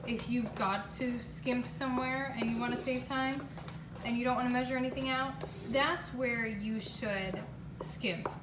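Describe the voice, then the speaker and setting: A woman's voice: on the high side, fairly even intonation, measured pace. A woman giving a casual, chatty home cooking demonstration in a kitchen, talking in an emphatic, exclamatory way. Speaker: home baking show host. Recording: roomy, distant mic, clear background noise.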